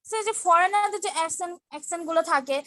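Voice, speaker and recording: A woman's voice: very high-pitched, rapid-fire, fairly bright tone, dry recording. A female student in a class discussion, asking her teacher earnest questions.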